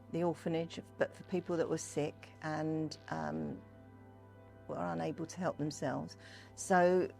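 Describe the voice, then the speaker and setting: Low-voiced older woman with gravelly creak. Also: darkish tone. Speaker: Pearly Queen and community fundraiser, interviewee. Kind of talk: informal interview talk about history and culture.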